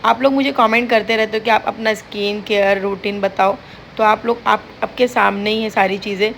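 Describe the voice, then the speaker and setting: A woman's voice: medium pitch, steady tone, moderate pace, gravelly, fairly bright tone, slight background noise. A young woman chatting to viewers in a casual home vlog, recorded indoors. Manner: chatty, addresses viewers directly. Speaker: vlogger.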